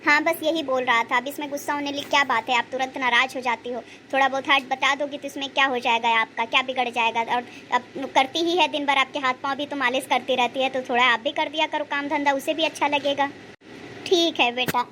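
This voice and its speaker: A blunt adult son voiced by a woman in a cartoon story, lecturing his mother about the housework. The voice stays high for a man. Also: steady tone, fairly quick, pushed and bright, slight background noise.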